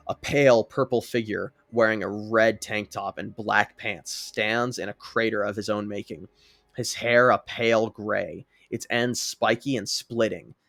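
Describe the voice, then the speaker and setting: A man narrating a fan story in a dramatic, lively way. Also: on the low side, gravelly, no echo.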